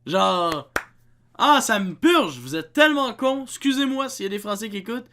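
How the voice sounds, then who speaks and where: A man's voice: high voice, expressive, moderate pace, pushed and bright. A young man with a Québécois accent hosting a reaction video, exasperated and mocking, swearing freely as he rants. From Quebec. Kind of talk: ranting reaction commentary.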